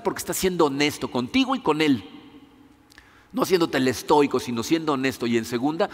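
A man delivering a sermon in a fairly high voice, talking to his listeners conversationally and tossing them rhetorical questions. His voice rings out with a long reverb, as if heard in a large hall. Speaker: pastor.

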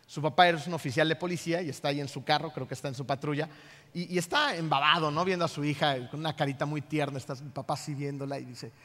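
This is a pastor preaching a sermon with lots of energy, checking in with the congregation again and again through rhetorical questions. His voice sits fairly high for a man, and the long reverb of a church hall hangs behind him. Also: fast talker. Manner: animated, asks the congregation many rhetorical questions.

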